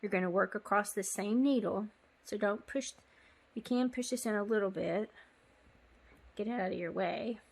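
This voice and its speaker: A woman talks through a sock-knitting lesson in a relaxed, conversational way. She is chatty and a little apologetic, and fills her pauses with ums. She sounds like she is recording herself on a phone. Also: medium pitch, vocal fry. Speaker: knitting tutorial host. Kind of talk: casual step-by-step knitting tutorial.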